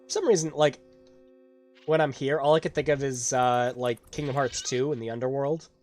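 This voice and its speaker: A man's voice: medium pitch, moderate pace, darkish tone, faint music behind. A man streaming a game, talking casually, laughing often and swearing. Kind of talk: casual let's-play commentary.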